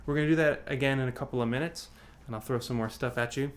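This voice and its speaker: A vocal coach with a mid-range voice runs an online singing workshop, talking fast with fairly even intonation about breath support. His phrasing is loose and rambling, full of restarts, and he demonstrates sighs and sung examples. It's recorded over a video call with slight background noise.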